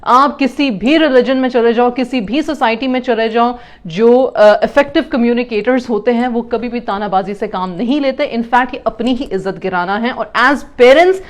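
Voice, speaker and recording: A woman explaining communication to parents, mixing in English terms and acting out example lines. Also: a little high.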